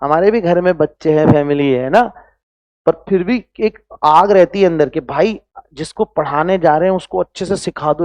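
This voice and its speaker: A man's voice: high-pitched, darkish tone, no room sound. A man teaching chemistry in an online class, constantly quizzing students with rhetorical questions and mixing in English phrases, with scolding, motivational asides. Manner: mixes Hindi with English phrases.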